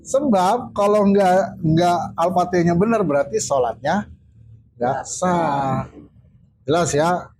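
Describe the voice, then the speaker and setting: A man teaching a casual study circle, drawling out recitation examples slowly and often checking that his students understand. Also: sits high, darkish tone, a little hiss or hum. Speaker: religious teacher.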